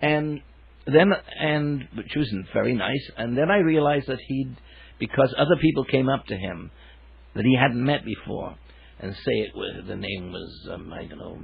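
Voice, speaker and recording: An older man from Wales, a songwriter telling rambling, hesitant stories with many fillers in a relaxed interview. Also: medium pitch, moderate pace, vocal fry. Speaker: songwriter guest. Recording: narrow phone-like radio sound.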